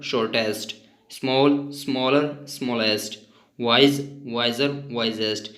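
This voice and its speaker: Male grammar teacher, monotone delivery, spells out suffixes letter by letter, roomy echo. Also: medium pitch. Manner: spells out suffixes letter by letter and lists word forms. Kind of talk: explaining grammar rules with examples.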